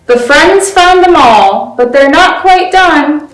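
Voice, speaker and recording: A woman who presents as a volunteer story time reader reads children's stories aloud in a slightly high, expressive voice at a slow pace. She's recorded a little way from the mic in an echoey room, with music playing behind her.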